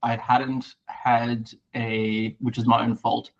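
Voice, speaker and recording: A man's voice: mid-range voice, level tone, takes it slowly, vocal fry, recorded from a distance, dull audio. A man with a South African accent, a student talking through a Q&A session in a hesitant, candid way, thinking aloud. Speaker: student asking questions. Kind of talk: casual Q&A discussion.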